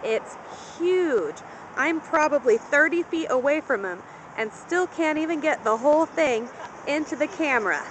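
A woman's voice: high voice, expressive, moderate pace, a little hiss or hum, poor audio. A woman narrating a guided tour as she walks outdoors through a cemetery, recorded on a handheld camera. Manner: informative, walking and pointing things out. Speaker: travel vlogger. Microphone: handheld camera mic.

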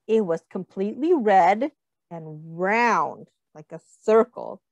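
A woman teacher reads a picture book to children over a webcam, stopping to ask them questions and doing little character voices. She sounds animated, with a medium-pitched voice and no echo.

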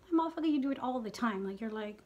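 A woman's voice: on the high side, expressive, racing, lo-fi sound. A woman in her fifties chatting casually while doing her makeup. She speaks candidly, swears freely and often drops into half-whispered asides. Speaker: beauty vlogger.

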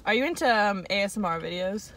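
A woman's voice: medium pitch, animated, quick pace, a bit bright. A young woman hosting a casual mukbang chat, talking while she eats. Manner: chatty, talks while eating. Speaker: YouTuber host. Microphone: phone camera.

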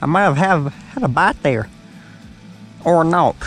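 A folksy man with a Southern drawl talks casually out on a lake. His voice sits high and swings widely in pitch, teasing and joking as he fishes. Soft music plays faintly underneath. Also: lively intonation, measured pace. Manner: folksy, joking, calls his buddy "son". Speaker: host of fishing show. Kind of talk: casual chat while fishing. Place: outdoors on a boat on a lake.

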